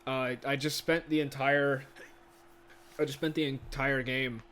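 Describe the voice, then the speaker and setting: A man doing casual, excitable play-by-play commentary of a video game from home. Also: mid-range voice, unhurried, a little hiss or hum. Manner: chatty, excitable, laughs often. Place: home room.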